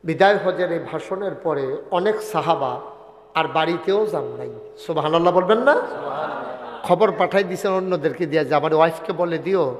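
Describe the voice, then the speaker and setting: Fiery preacher in an echoing hall. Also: male voice, on the high side, moderate pace. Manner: chanting Arabic verses, swinging between shouts and hushed storytelling. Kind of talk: Bengali waz sermon. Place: large sermon gathering. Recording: echoey hall with long reverb.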